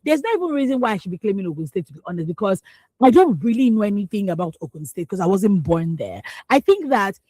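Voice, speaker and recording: A mid-range, breathy-edged voice delivers fast speech with no room sound. She is a young Nigerian radio co-host reviewing the newspapers in a studio: headlines first, then emphatic, exclamatory opinions, with laughs in between.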